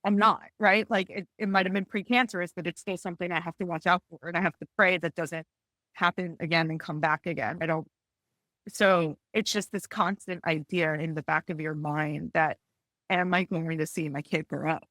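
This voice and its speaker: A woman in her forties speaks in a somewhat low voice, close to tears and audibly struggling to keep going. She talks haltingly, restarting her sentences and apologizing. The sound is close and dry. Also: fairly even intonation, a bit bright, dry recording. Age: 40s. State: tearful, close to crying. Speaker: panelist. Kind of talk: emotional personal testimony on a panel.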